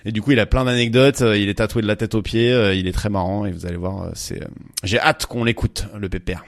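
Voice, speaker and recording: A man's voice: on the low side, steady tone, fast. A man co-hosting a casual chat podcast, talking in a loose, rambling way with many fillers and restarts. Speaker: podcast co-host.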